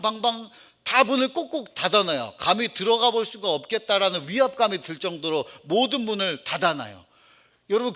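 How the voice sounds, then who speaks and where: A male pastor preaching a sermon, swinging from emphatic rising lines to soft, hushed passages. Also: on the high side.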